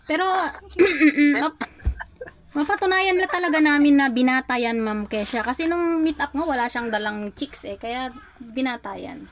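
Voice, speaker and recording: A woman's voice: sits high, moderate pace. A Filipina host of a voice-room chat, teasing her guests playfully on a phone mic. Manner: playful, teasing, many restarts. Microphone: phone in a voice-chat app.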